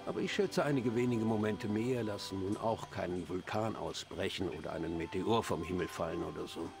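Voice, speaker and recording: A man playing an anxious, devout dark-elf priest in a fantasy game, speaking formally and earnestly. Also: sits low, brisk, vocal fry, music in the background. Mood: formal, reverent. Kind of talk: fantasy game dialogue acting.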